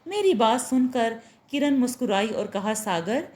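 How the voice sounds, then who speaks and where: A woman storyteller reads a spooky love story in a steady, expressive way. Her voice is mellow and warm, pitched fairly high, and moves freely up and down. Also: unhurried. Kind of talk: reading a Urdu horror-romance story.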